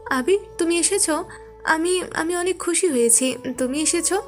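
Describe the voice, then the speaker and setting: A woman voicing Nila, a lovesick young woman who apologizes softly, in an audio story. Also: extremely high pitch, moderate pace, over music. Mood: remorseful.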